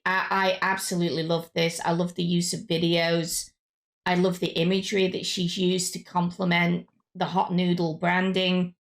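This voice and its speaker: A woman's voice: on the low side, creaky. A woman hosting a casual panel chat, speaking in an effusive, enthusiastic way. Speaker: show host.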